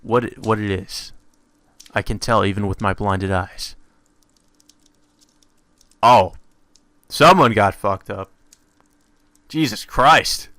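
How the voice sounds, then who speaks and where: A man reads a visual novel out loud in a let's play, pausing for off-the-cuff jokes that are crude and full of swearing. His voice sits on the low side, pushed and bright, moving slowly with long pauses in a dry recording.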